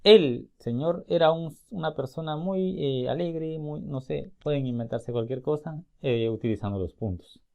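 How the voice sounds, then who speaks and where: This recorded spelling and grammar lesson comes from a male teacher whose voice is a little high and creaky, with phone-quality sound. He walks through each step and sounds out example words slowly.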